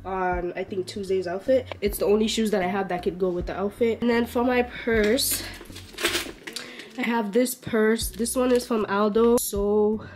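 A woman's voice: mid-range voice, steady tone, normal speed, background noise. A young woman with a cold and a congested voice, chatting upbeat and slangy through a casual outfit vlog. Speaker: fashion vlogger.

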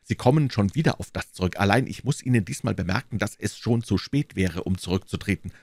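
A man voicing a bold, quick-tempered young swordsman in an audiobook, brash and exclaiming. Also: on the low side, vocal fry, a little mellow, no echo. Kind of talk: audiobook reading.

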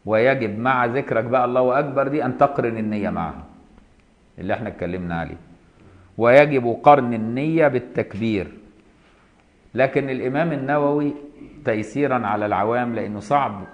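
An Egyptian man gives a lesson on a classical legal text, moving between formal reading and casual colloquial explanation. His voice sits at a middle pitch, and the recording is a little dull and muffled. He often stops to ask whether his listeners have understood. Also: brisk. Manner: reads a line then explains it in colloquial speech, often checking understanding. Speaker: Islamic law teacher.

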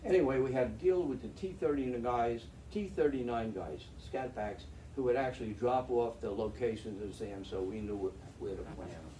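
In an echoey meeting room with a projector screen, a wry older man, a veteran pilot, gives a slide lecture as guest speaker. His warm, mid-range voice runs at normal speed with few pauses, chatty and full of restarts. It's captured by a far camera in the audience, sounding roomy, distant and faintly noisy.

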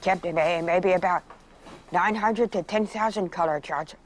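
A middle-aged woman answers questions in halting bursts, stuttering and repeating words as she goes. Her voice sits slightly low. A faint room hiss runs behind her. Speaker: interview subject.

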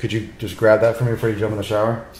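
A man's voice: lowish voice, flat delivery, rapid-fire. A man in his thirties vlogging casually to a handheld camera, joking and crude. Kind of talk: casual vlog chat. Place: car, shops and rental home. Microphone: handheld action camera. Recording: loud background noise.

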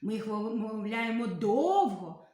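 A woman teacher giving a literacy lesson to young children, spelling out sounds slowly and asking questions she then answers herself. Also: on the high side, expressive, darkish tone, heavy reverb. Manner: slow, sing-song, carefully spelled-out sounds.

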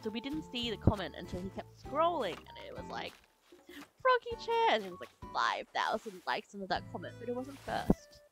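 Girl gaming stream, chatty and giggly, bouncy pitch, soft game music behind. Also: very animated, brisk, hardly any pauses, poor audio. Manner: chatty and giggly, talking to chat while playing. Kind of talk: casual gameplay chat.

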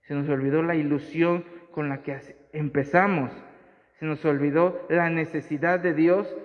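Priest, male, fairly high voice, earnest homily, long church echo on a muffled recording. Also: fairly even intonation, normal speed. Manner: earnest, rising to emphatic repetitions. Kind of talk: homily at mass. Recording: dull sound with long church reverb.

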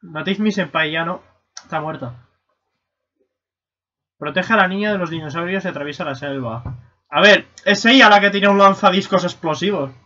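Excitable streamer guy, kinda high bright voice, swears a lot, dull lo-fi stream audio. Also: normal speed, pauses often. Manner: excitable, swearing, bursts into shouts and silly voices. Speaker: gaming streamer. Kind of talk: casual let's-play commentary.

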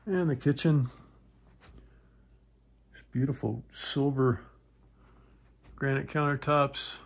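A man narrates a property walkthrough of a wooden townhome, walking indoors like a real estate agent and listing features in clipped, short phrases. He speaks slowly in a mid-range voice with fairly even intonation.

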